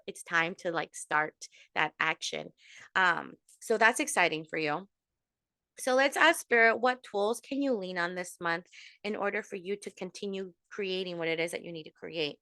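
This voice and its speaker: Bright, chatty woman tarot reader. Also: medium pitch, normal speed, no echo, clean studio sound. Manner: chatty, warm address with Spanish endearments and many fillers. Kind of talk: casual monthly tarot reading to followers.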